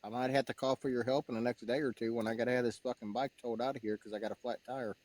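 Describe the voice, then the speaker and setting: A man's voice: medium pitch, steady tone, very fast, darkish tone. A man hosting a livestream, blunt and defensive as he chats casually. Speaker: livestream host. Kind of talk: casual chat.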